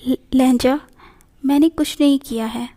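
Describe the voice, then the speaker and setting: A woman voicing a gentle young husband who pleads softly in a storybook reading. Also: on the high side, steady tone, moderate pace, lightly acted. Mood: pleading. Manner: soft, pleading.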